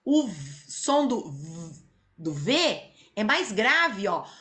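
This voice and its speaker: A woman's voice: medium pitch, big pitch swings, takes it slowly, fairly bright tone. A woman hosting an interview, explaining in a teaching way and demonstrating speech sounds. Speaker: host, speech therapy educator.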